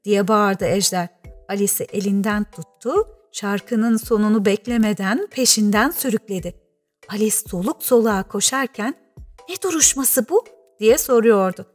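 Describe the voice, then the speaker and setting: A woman narrating an audiobook in a measured storytelling manner. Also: medium pitch, faint music behind. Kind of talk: scripted narration.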